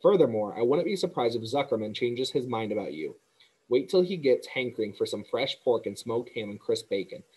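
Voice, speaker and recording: A man reading aloud and voicing a greedy, snide male rat with a husky, hoarse voice. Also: mid-range voice, lively intonation, brisk, a little mellow, rough recording. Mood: gloating, snide.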